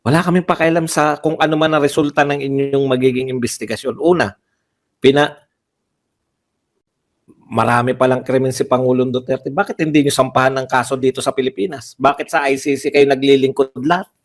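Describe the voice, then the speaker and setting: A man's voice: mid-range voice, steady tone, brisk. A man giving heated livestream political commentary, firing off rhetorical questions and repeating phrases for emphasis.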